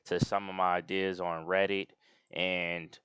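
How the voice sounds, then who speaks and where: A man with a deep, smooth voice talks loosely over a screen-share, looping back with fillers and restarts. The sound is dry and close, with no room around it. He has the hiccups and keeps pausing to excuse himself. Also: flat delivery, fairly bright tone, no echo. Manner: rambling with many fillers and restarts. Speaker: gaming channel host. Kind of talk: casual screen-share commentary.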